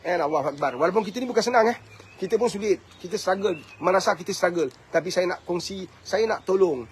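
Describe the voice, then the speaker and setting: A man's voice: sits high, fast talker, slightly rough. A Malaysian Malay man in his fifties, a family coach giving a blunt, preachy talk to camera and scolding his listeners with repeated rhetorical questions. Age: 50s. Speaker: motivational speaker and family coach.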